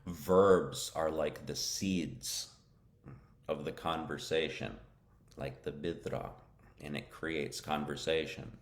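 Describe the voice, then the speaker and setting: Deep-voiced man teaching live. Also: steady tone, slow. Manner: casual, repeats "okay?" to check understanding, mixes in Arabic words. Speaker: English teacher hosting a live lesson. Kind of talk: live-streamed English lesson with viewer questions.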